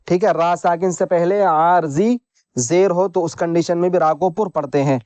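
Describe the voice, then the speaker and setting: A man teaching Quran reading rules in a patient lesson, repeating each point and spelling out letters slowly. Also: sits high, fairly even intonation, darkish tone, no echo. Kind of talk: slow instructional lesson.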